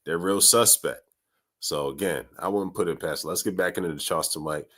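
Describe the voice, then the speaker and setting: Deep voiced dude hosting a reaction channel, laid back, talking right to viewers. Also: male voice, a little fast, fairly bright tone. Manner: casual, addresses viewers directly. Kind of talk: reaction video commentary.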